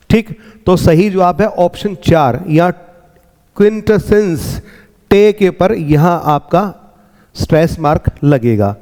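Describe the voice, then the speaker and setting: A man going through exam answers as a teacher, slowly explaining and repeating words to drill pronunciation. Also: a little high, dark tone, in a large hall. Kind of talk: exam answer walkthrough lesson.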